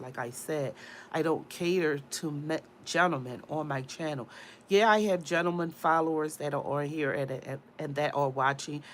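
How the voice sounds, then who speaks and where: A low-voiced woman hosts a livestream with slight background noise, sounding congested from a cold. She rambles through casual chat aimed straight at her viewers.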